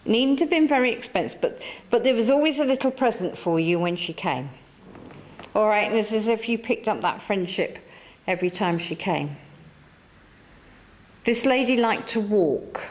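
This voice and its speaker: A medium-pitched, animated woman from England speaks at normal speed to a church hall audience. As a spiritualist medium, she chats and coaxes, returning to the same points again and again.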